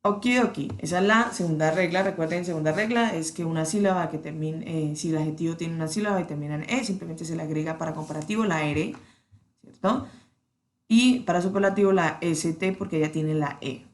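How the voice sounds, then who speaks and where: A woman teaching an English grammar lesson, patiently checking in with her students and slowing down to spell out the examples. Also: low voice. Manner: patient, checks in with "¿cierto?" often.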